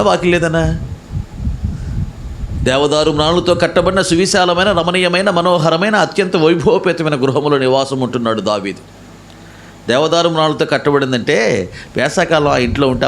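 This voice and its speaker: A man's voice: on the high side, slight background noise. A man preaching a sermon as a pastor, asking rhetorical questions and acting out people's prayers. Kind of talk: Telugu sermon. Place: church.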